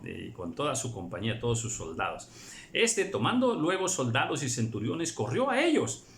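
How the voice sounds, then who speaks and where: A man's voice: medium pitch, normal speed, slight background noise. A man preaching a Bible study sermon, reading scripture and commenting, acting out the story and often asking "right?". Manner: animated, acts out scripture, frequent rhetorical "right?". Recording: echoey room with faint ambience.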